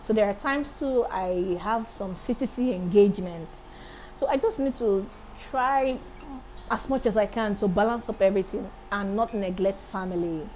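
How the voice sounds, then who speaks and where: A woman in her late thirties, a singer and accountant, chatting as an interview guest in a lively, enthusiastic way. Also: medium pitch, moderate pace, slight background noise, rough recording. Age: 30s. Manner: lively, laughs often, enthusiastic. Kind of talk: casual interview chat.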